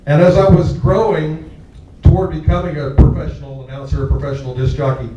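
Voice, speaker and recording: This older Texas man, holding a handheld mic, shares jovial stories in an award acceptance speech to a large hall and laughs along with the crowd. His voice is fairly high, level and warm, with a brisk pace. Recorded far from the camera, the audio is echoey and lo-fi with a little hiss or hum.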